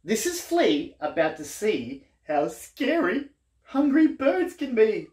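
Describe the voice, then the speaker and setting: A man in his thirties hams it up reading a picture book aloud to young children, asking them questions along the way. His high, slightly mellow voice is very animated but slow, and it sounds reverberant in the small living room.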